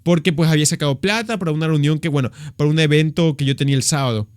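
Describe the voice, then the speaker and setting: Ecuadorian guy in his 20s, swearing a lot, tells stories all animated, bit high voice, dry close mic. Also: racing, no room sound. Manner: slangy, profane, animated retelling. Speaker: vlogger. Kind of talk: casual storytelling vlog.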